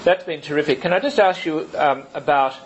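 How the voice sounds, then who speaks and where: A man chairing a book talk, casual and halting, with many fillers and restarts. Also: on the high side, lo-fi sound, slight background noise. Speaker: event chair. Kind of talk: casual hosting and Q&A. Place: lecture room with an audience.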